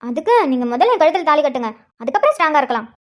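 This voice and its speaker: Young woman, cartoon bride-to-be, very high-pitched, pleading, insistent. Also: sing-song, very fast. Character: young woman, anxious, clingy, stubborn bride-to-be. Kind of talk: cartoon voice acting.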